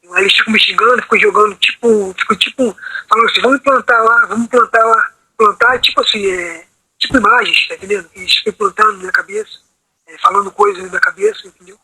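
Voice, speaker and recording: On a video call, a man with a high, lively voice talks fast, his sharp and slightly rough tone edged with vocal fry. He rambles through a long personal story, tacking "entendeu?" onto nearly every phrase. The recording is dry and the audio quality poor.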